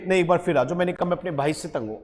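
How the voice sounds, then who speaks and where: A man teaching an English grammar lesson to a class, lively and quizzing his students with repeated questions. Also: on the high side, racing, in a large hall, slight background noise. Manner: lively, quizzing students, calls them beta.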